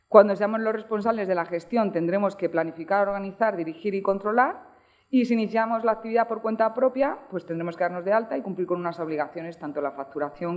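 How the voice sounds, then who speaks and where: A woman's voice: mid-range voice, darkish tone. Woman lecturer, easygoing talk style that keeps checking the room. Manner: conversational, frequent checking "¿vale?". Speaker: guest lecturer. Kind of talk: lecture with audience Q&A.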